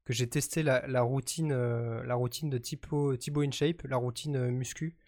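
A man's voice: mid-range voice, fairly even intonation, moderate pace, darkish tone. A man co-hosting a casual podcast chat, talking with many fillers and restarts. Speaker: podcast co-host.

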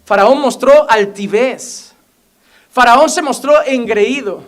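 A man's voice: very high-pitched, slow pace. A young man preaching a fervent sermon as a pastor, often mimicking the voices of imagined people. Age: young adult.

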